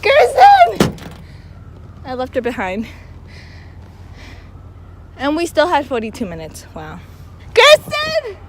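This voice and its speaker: Young woman vlogger, high bouncy voice, giggly and dramatic, phone-recorded on a noisy street. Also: very animated, unhurried, long pauses. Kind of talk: casual vlog chat. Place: outdoors in a city, walking. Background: street and traffic noise.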